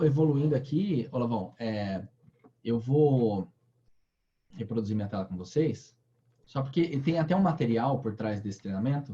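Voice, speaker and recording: Trainer, male, relaxed, halting delivery with many restarts, lo-fi call audio. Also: on the low side, breathy edge. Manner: hesitant, many restarts and fillers. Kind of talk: casual online training talk.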